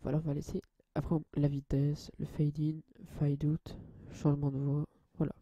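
Hesitant young man, dark husky voice. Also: fairly high pitch, monotone, moderate pace, no echo, muffled recording. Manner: hesitant, many fillers and restarts; addresses viewers as guys. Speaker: channel host. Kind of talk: casual screen-recorded software tutorial.

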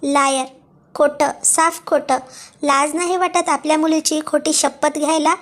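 A woman voicing a defiant young woman who confronts her absent father in a cold, sharp, cutting voice. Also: sits high, steady tone, a little slow. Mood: icy, accusing.

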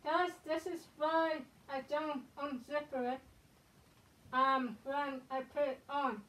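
A woman with a high, steady voice speaks slowly through a balaclava, her tone fairly bright. She's a fursuiter demonstrating how to suit up, chatting casually and hesitantly with lots of ums and uhs. Her voice sounds distant from the mic.

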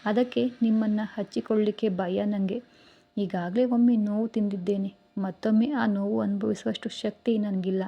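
A woman voicing a shy, anxious young wife who speaks softly and pleadingly. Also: medium pitch, steady tone, normal speed, gravelly, dull audio. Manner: soft, pleading.

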